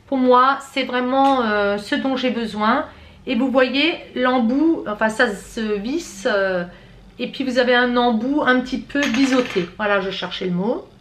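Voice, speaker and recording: Chatty middle-aged french woman doing her makeup on camera, kinda high voice, fixes her words as she goes. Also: a bit bright. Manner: chatty, self-correcting, addresses viewers directly. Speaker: beauty vlogger. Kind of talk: makeup tutorial chat.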